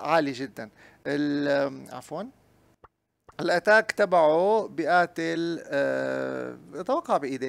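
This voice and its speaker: A young man, a chatty gaming YouTuber doing let's-play commentary who talks to his viewers and gets loud and excited during play. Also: on the high side, creaky.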